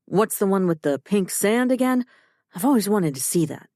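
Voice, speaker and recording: A woman's voice: medium pitch, lively intonation, moderate pace, dark tone, no room sound, clean studio sound, lightly acted. A woman reading the part of a casual grown man, a husband who grows rattled and disbelieving on a call. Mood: breezy. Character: breezy grown man, a restaurant-owner husband.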